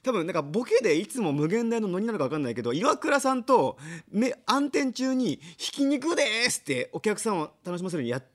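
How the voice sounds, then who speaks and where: A man's voice: high-pitched, big pitch swings, fast, few pauses. A young man co-hosting a podcast, telling a story in casual comedy chat, acting out quotes and laughing often. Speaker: podcast co-host.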